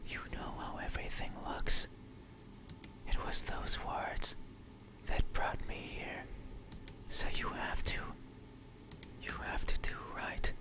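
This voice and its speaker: A slow, deliberate, breathy whisper brings a creepy, obsessive supernatural being to life in a horror ASMR game. The performer's voice remains close to an everyday one.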